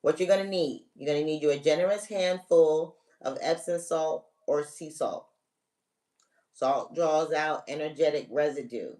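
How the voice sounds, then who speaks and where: This spiritual reader's voice is medium in pitch, normal in speed, and a little mellow, leading live-stream viewers through a ritual step by step. Emphatic, direct commands and constant check-ins give it a casual coaching feel, though the voice sounds a bit far from the mic.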